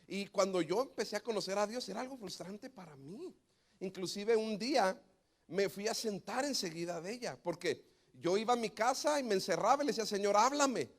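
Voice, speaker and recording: High-voiced pastor preaching. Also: male voice, a little fast. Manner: animated storytelling with acted quotes. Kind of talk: sermon.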